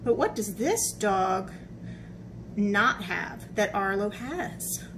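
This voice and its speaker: A woman with a mid-range voice teaches young children through a read-aloud and craft lesson, speaking slowly and with animation. She explains things simply and often checks in with little questions, and there is some background noise. She is a children's art teacher and storybook reader.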